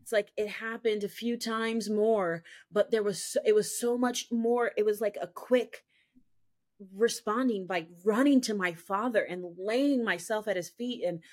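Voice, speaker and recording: A woman's voice: mid-range voice, unhurried, a little mellow. A woman speaking as a guest on a faith podcast, sharing her personal testimony in an earnest, emphatic way that circles back on itself as she speaks. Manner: earnest, emphatic, repeats "I'm telling you".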